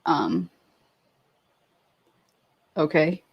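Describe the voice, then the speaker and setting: A woman in her twenties hosts a casual livestream, reading out and answering viewer questions in a chatty, giggly way full of fillers and restarts. Her deep, slightly rough voice is sing-song with drawn-out words, and the sound is lo-fi.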